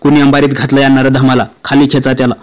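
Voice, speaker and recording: A stern noble commander gives orders to his men in a storybook reading. The voice sits at a middling pitch and barely rises or falls, read by a man narrating the tale. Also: completely flat delivery, quick pace, natural voice. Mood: enraged.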